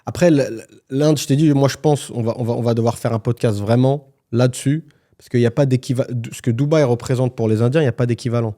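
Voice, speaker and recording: A man talks through a casual podcast chat in a mellow, darker voice. He speaks frankly and colloquially, often restarting his sentences, and sits at a studio microphone. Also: medium pitch, fairly even intonation, fast. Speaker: podcast co-host, property agent.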